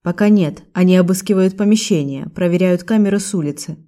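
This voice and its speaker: A woman's voice: on the low side, brisk, warm tone, natural voice. A woman voicing a stern young man who speaks in curt, cold lines.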